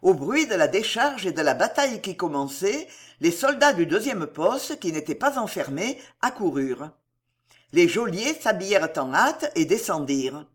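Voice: mid-range voice, very animated, normal speed, husky. An audiobook narrator reading a historical adventure novel aloud in a dramatic, vivid storytelling manner.

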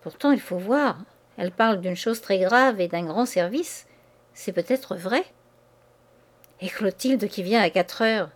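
A woman reading a novel aloud, giving voice to a brusque, scornful young man who talks roughly and impatiently. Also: mid-range voice, a little slow, natural voice. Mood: scheming.

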